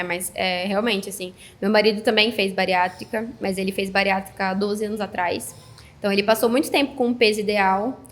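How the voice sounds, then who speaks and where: A woman in her thirties chatting casually as a podcast guest, telling a story with lively acted-out dialogue. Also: medium pitch. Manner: animated storytelling, acts out quoted dialogue. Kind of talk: casual chat.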